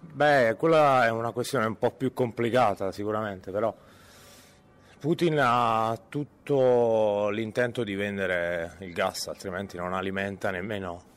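A man giving measured, somewhat hesitant answers as a passer-by in a casual street interview. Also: lowish voice, fairly even intonation. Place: outdoors on a street. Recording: faint outdoor street ambience.

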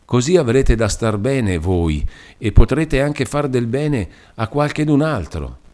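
A man's voice: mid-range voice, very animated, slow pace, darkish tone, pitched above the performer's own voice. A man voicing an anxious, devout young village woman, speaking in a pleading, earnest way.

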